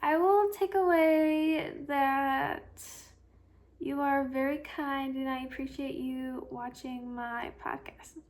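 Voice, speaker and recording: A sleepy woman hosts her own casual podcast, yawning through a rambling, filler-heavy chat. Her voice sits high and she talks slowly, drifting from thought to thought. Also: fairly even intonation, a little mellow. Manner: chatty, rambling, self-talk with fillers. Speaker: podcast host.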